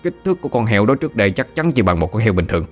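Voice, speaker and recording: A man's voice: fairly low pitch, very animated, racing, faint music behind. A man voicing a blunt, mocking bald thug in a story.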